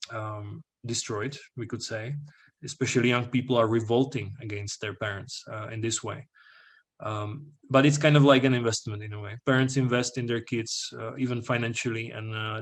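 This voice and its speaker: A young man talks an audience through a slide presentation in a middle-pitched voice. He explains patiently, peppering his talk with fillers and asking "all right?" to check that everyone follows.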